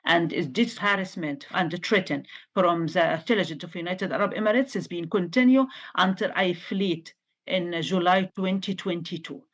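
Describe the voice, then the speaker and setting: A woman's voice: lowish voice, normal speed. Earnest woman from Egypt, English. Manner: earnest, insistent, non-native English grammar. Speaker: interview guest. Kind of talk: interview answers.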